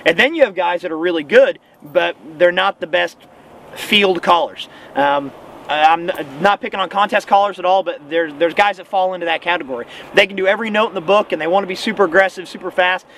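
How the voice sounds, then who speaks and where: This hunter and goose-calling instructor has a high, slightly bright voice and talks fairly quickly. He coaches casually and emphatically to camera, often repeating phrases for stress, while outdoor hum and faint vehicle noise sit in the background.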